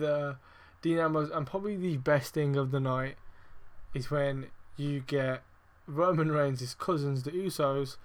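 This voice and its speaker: A man hosting a casual wrestling review podcast, rambling with lots of fillers, swearing heavily and getting excitable and emphatic. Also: a little high. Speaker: podcast host.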